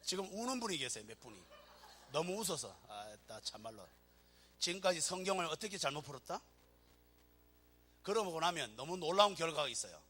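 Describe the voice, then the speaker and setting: A man's voice: on the high side, a little fast, long pauses, slightly rough. A man with a Gyeongsang accent preaching a sermon as pastor, joking and acting out little scenes as he goes. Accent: Gyeongsang Korean. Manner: animated, joking preacher who acts out scenes.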